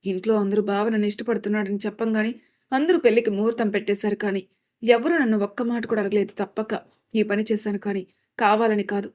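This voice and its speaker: A woman's voice: mid-range voice, level tone, fast, a little mellow, lightly acted. A woman voicing a frightened young woman running away from an arranged marriage, speaking anxiously. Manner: pleading, anxious.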